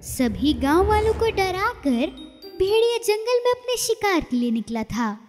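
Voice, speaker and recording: A woman narrating a storybook cartoon in an expressive, storytelling way. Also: very high voice, a little slow. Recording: reverberant, with music underneath.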